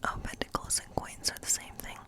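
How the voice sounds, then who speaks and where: A woman whispers her way through an ASMR role play as a gentle, fortune-telling witch reading tarot. She is unhurried and musing, as if thinking aloud while she lays out the cards.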